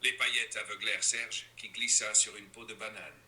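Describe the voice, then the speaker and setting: A man's voice from an AI assistant, narrating silly stories with lively, theatrical jumps in pitch. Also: moderate pace. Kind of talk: storytelling narration.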